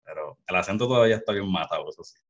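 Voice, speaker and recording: In a dull, lo-fi recording, a young Puerto Rican man with a low-pitched voice talks rapid-fire with lively intonation and a Puerto Rican Spanish accent. He's a podcast host doing a casual video-call interview, full of rambling and restarts, speaking into a headset with studio mic in a small room at home.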